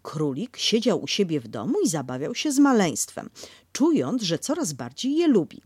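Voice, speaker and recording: A woman narrating a children's storybook in an expressive, animated way. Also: lowish voice, normal speed, breathy edge, dry recording, studio quality.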